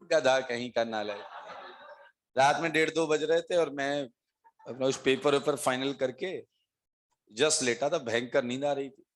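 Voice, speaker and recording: Animated male teacher telling a story. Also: mid-range voice, a little slow, long pauses. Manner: animated, laughing, acts out voices in anecdotes. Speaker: chemistry teacher. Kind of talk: storytelling lecture to students.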